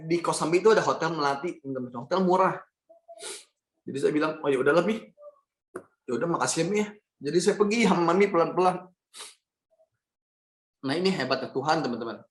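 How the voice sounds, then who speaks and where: A man's voice: a little high, quick pace, long pauses, roomy sound. A young man giving a personal testimony talk, telling his story to an audience he calls his friends and acting out the dialogue. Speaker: motivational speaker.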